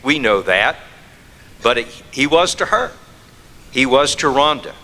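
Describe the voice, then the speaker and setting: A man's voice: mid-range voice, animated, unhurried, bright, forceful tone. Man giving a talk in an echoey hall. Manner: asks rhetorical questions, repeats phrases for emphasis. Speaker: fraud prevention speaker. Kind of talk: presentation to an audience.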